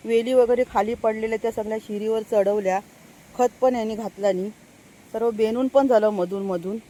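Older woman, high voice, chatty vlog, outdoors on farm. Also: fairly even intonation, normal speed, warm tone, low-quality recording. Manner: chatty, keeps addressing viewers, laughs often. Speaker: farm vlogger. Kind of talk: casual vlog chat. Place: outdoors on a rural farm path.

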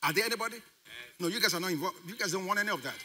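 A man's voice: high-pitched, very fast, bright, forceful tone. A man preaching a sermon as pastor, emphatic, quizzing the congregation and repeating key phrases for emphasis. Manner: emphatic preaching with call-and-response questions to the congregation.

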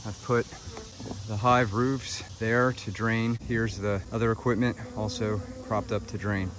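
Male beekeeper, lower voice, matter-of-fact phone vlog outdoors, bees buzzing clearly behind him. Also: little pitch movement, measured pace, a bit bright, slight background noise, poor audio. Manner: plain, matter-of-fact, talking to camera while handling hives. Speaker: beekeeper vlogger. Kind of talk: casual narration while working. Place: outdoor backyard deck. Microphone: phone camera held or nearby. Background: buzzing bees around.

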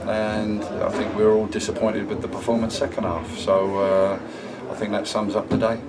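A middle-aged man, a football manager, answering post-match questions in a measured, subdued way with many pauses. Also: fairly low pitch, level tone, recorded from a distance, very noisy. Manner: measured, subdued, halting with fillers. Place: indoor club room, sponsor wall.

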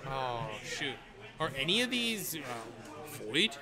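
A man's voice: a little high, sing-song. Chatty male card game commentator, crowd behind. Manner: chatty, quick agreeing interjections, some stumbling.

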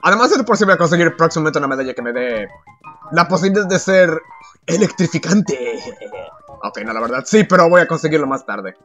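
A man's voice: a little high, lively intonation, fairly quick, fairly bright tone, soft background music. A man giving casual, crude and sarcastic commentary while playing a video game. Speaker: gameplay commentator.

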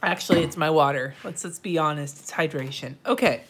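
A low-voiced woman talks a little fast over a faint hiss or hum, sounding nasal because her nose is congested. Indoors at a desk, she decorates a planner while livestreaming, chatting casually, muttering to herself, replying to viewers and swearing now and then.

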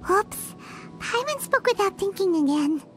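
Paimon, squeaky tiny excitable fairy girl. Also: unhurried, a little hiss or hum, full character voice. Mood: hesitant, chatty. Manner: childlike, talks in third person, expressive. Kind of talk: video game voice acting. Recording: game music behind.

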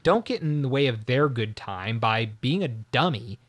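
A man hosting a casual podcast chat, animated and rambling, often restarting his sentences. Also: medium pitch, moderate pace, dry recording. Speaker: host.

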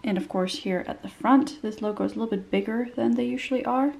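A young bag reviewer describes a handbag in a fast, chatty way, filling pauses often while sounding slightly nasal as she recovers from a cold. Her fairly high voice is gravelly and a little mellow, captured in a small room.

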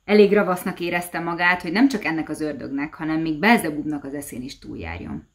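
Mély hangú nő népmesét olvas fel, kifejezően, élénken mesélve. Színészi felolvasás, nyugodt, hangsúlyos előadásmóddal. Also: female voice, sits low, animated. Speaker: actress reading a folk tale. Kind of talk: storybook reading.

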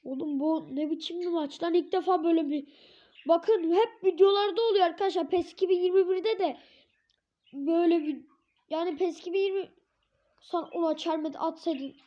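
A hoarse woman giving live gameplay commentary, swearing and yelling at the referee in frustration. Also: extremely high pitch, steady tone, a little fast. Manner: shouts at the referee, curses and rants in frustration. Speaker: gamer. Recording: dull lo-fi recording.

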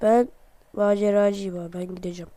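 A man giving excited let's-play commentary, joking and talking to himself as he plays. His voice sounds off because he is sick. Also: high voice, a little fast, no echo. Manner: playful, excitable, jokey, talks to himself while playing; self-mocking. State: voice off from being sick. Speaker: gamer, channel host.

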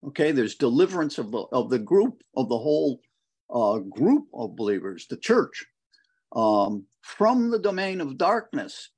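A man co-hosting a conversational Bible study over a video call, reflecting slowly and reading scripture verses aloud. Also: mid-range voice, sing-song, darkish tone, slightly rough.

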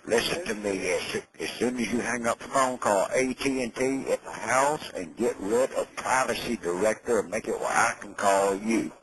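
A man with a fairly low voice talks on a recorded jail phone line. His manner is urgent and insistent, full of instructions in a private conversation. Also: moderate pace, few pauses, a crowd in the background. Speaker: jail inmate making a phone call.

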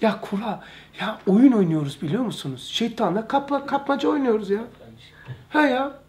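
A man's voice: sits high, expressive, moderate pace. A man giving an informal religious lesson, emphatic and repetitive, often calling his listeners brother. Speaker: religious study teacher.

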